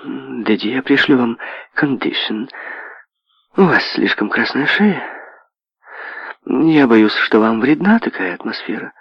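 A man reading an audiobook, raising his voice to play a willful, demanding young heiress who speaks with sharp emphasis. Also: mid-range voice, animated, takes it slowly, long pauses, no echo, pitched above the performer's own voice. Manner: demanding, emphatic, swinging to soft. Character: willful rich young woman, heiress, imperious. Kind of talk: audiobook character voice. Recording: dull lo-fi audio.

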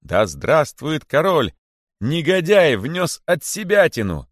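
A man doing a shouting crowd of rabbits. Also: on the high side, very animated, slow pace, no room sound, clean studio sound, pitched above the performer's own voice, heavily acted. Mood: cheering. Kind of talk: audiobook character voice.

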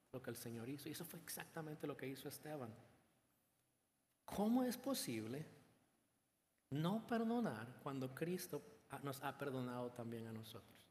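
A man preaching a sermon in a mid-pitched voice, leaning on rhetorical questions and building emphasis as he speaks. His voice rings out with a long reverb, as if filling a large hall. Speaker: pastor.

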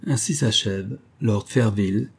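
Low, husky-toned male audiobook reader. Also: a little slow. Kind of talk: scripted literary narration.

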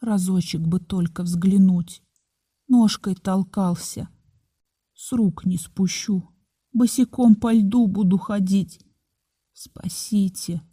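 A woman's voice: medium pitch, slow, warm tone, breathy edge, dry recording, clean studio sound. A woman voicing a young woman in labor, exhausted and in pain, in a faint pleading whisper.

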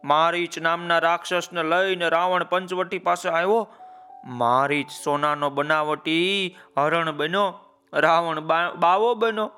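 A man's voice: fairly high pitch, steady tone, a little slow, pushed and bright, smooth, faint music behind. A man narrating a children's story, calling out to his listeners with folksy asides.

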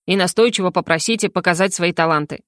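A woman's voice: lowish voice, fast, fairly bright tone, no echo, close to an everyday voice. A woman voicing a grumpy talking male hedgehog who grumbles, snorts and huffs in an audiobook, recorded dry and close. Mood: grumbling.

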